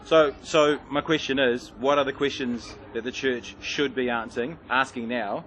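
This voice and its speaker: A man's voice: mid-range voice, fairly even intonation, moderate pace, a bit bright, slight background noise, rough recording. A man with a broad New Zealand accent, interviewing someone in a casual, chatty style as a host.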